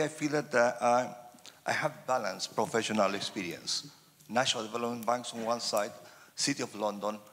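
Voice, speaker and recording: Chilean man, gravelly voice, asks a rambling question from the floor via roving mic in a reverberant hall. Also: on the low side, a bit bright. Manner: halting, many fillers. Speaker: audience member asking a question. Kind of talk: audience question at a panel event. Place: large wood-panelled hall. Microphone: roving handheld mic.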